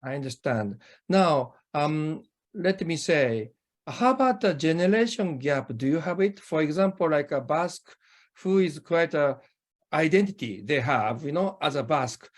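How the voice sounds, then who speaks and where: Lively, swooping Japanese interview host. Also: medium pitch, moderate pace. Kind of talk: conversational introduction and interviewing.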